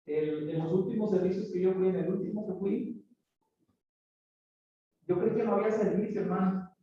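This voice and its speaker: In a large, echoey room, a man with a high, mellow voice teaches a church oral communication class at a moderate pace with fairly even intonation, sounding like a preacher. He calls his students brothers and often checks in with "¿verdad?". A camera far from him captures distant, very echoey, dull audio with faint noise.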